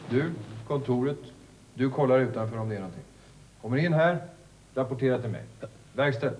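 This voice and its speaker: An actor playing a terse, commanding gang leader in 1970s TV comedy style. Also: male voice, mid-range voice, a little mellow, lightly acted, low-quality recording. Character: curt, gruff male gang leader.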